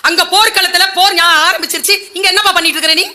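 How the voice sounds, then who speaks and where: A woman voicing the elder brother Dharma, who scolds in a sharp, quick manner. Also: lowish voice, voice pushed down. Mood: scolding. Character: elder king Dharma, stern older brother.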